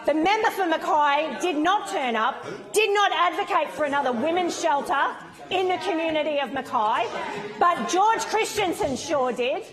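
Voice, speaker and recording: An Australian woman with a high voice speaks as an opposition politician in parliament. She is emphatic and rhetorical, repeating key phrases to drive them home. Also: expressive, moderate pace, crowd noise. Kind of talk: parliamentary speech. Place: parliamentary chamber.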